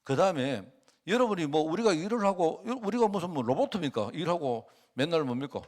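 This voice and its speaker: Male pastor preaching, chatty, keeps asking the congregation questions, pitch and volume jumping around. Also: fairly quick. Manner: conversational, asks the congregation questions often; lively swings in pitch and loudness. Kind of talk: sermon.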